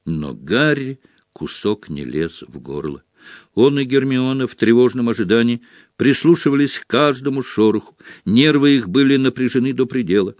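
A man narrating an audiobook with an expressive reading. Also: medium pitch, moderate pace, no room sound, studio quality. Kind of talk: scripted narration.

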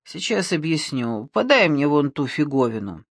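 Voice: mid-range voice, very animated, normal speed, dry recording, clean studio sound. A reader voicing a smug, scheming male demiurge who lectures in a self-satisfied way, told as a storybook. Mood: smug, lecturing.

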